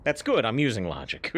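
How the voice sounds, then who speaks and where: Un uomo che commenta una partita a un videogioco in tono colloquiale, chiacchierando, leggendo i dialoghi ad alta voce e ridendo spesso. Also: male voice, medium pitch, fairly bright tone, breathy edge. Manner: chatty, laughs often, reads lines aloud. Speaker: let's play host. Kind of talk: casual gameplay commentary.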